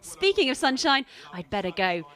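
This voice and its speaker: A woman's voice: high voice, big pitch swings, normal speed, sharp tone. A woman reporter narrating a news feature voice-over, playful.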